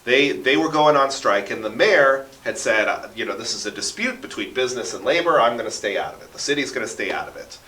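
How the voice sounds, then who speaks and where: In an echoey radio studio, far from the microphone, an interview guest who produces radio drama and loves local history tells stories in a conversational, emphatic style and often checks in with the listener. His mid-range, sharp voice is animated, and he talks quickly with few pauses.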